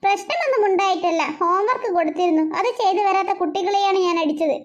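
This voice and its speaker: Brief: woman as a measured cartoon schoolteacher, a touch lower than the others but still high. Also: lo-fi sound. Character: calm, matter-of-fact schoolteacher. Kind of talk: cartoon voice acting.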